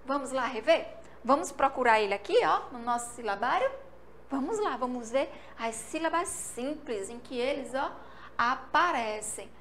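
A Brazilian woman teacher with a Sergipe accent, giving a remote lesson to young children and drilling syllables in a slow, sing-song way from a school studio. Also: sits high, animated, a bit bright, slight background noise. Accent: Brazilian Portuguese, Sergipe.

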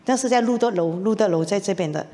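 A middle-aged woman gives her personal testimony to a church congregation, telling it in an animated way and acting out the lines of the people in her story. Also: medium pitch, fast talker. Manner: animated storytelling with laughs and acted-out quotes. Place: church hall. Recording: long reverb of a church hall.

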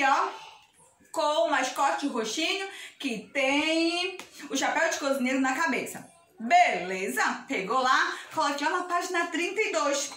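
A young Brazilian woman teaches small children in a high, bright, sing-song voice that swoops up and down. She is unhurried and encouraging, and talks straight to the kids. She is recorded from a distance in an echoey room. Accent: Brazilian Portuguese. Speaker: preschool teacher. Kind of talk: video lesson for young children.

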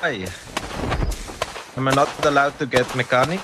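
A man's voice: mid-range voice, fairly even intonation, moderate pace. A man chatting over voice chat during a mobile shooter match, putting on a mock Italian accent and calling his teammate brother. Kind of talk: casual voice chat while gaming. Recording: noisy game audio behind voice chat. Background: gunfire and explosions from the game.

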